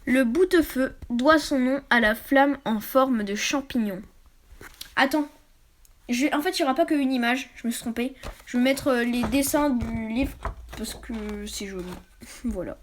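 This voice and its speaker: High-voiced woman reading aloud, stumbling. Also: a little hiss or hum. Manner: stumbles over words and corrects herself often; drops into quiet, quick asides. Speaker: YouTuber reading a book aloud. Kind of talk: casual read-aloud with asides.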